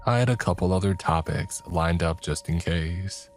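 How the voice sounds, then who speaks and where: Deep-voiced man narrating a horror story. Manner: slow, hushed first-person storytelling. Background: faint music.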